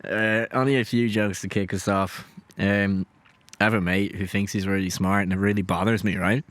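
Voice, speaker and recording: A man co-hosting a casual podcast, jokey and quick to laugh, swearing freely. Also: on the low side, fairly even intonation, fairly bright tone, no echo. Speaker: podcast co-host. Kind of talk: casual chat.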